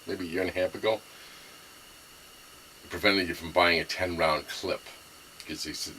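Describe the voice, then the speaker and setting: A middle-aged New Yorker with a Brooklyn accent shows off his rifle, rambling casually with plenty of fillers and restarts. His voice is low, bright and forceful, and the low-quality recording carries a little hiss or hum.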